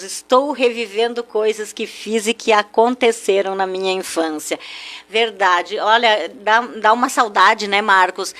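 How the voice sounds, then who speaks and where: On the radio, an older woman recalls the past fondly as an interview guest, her voice sitting at medium pitch. She grew up speaking German in a German-speaking part of southern Brazil, and "né?" punctuates her warm storytelling often.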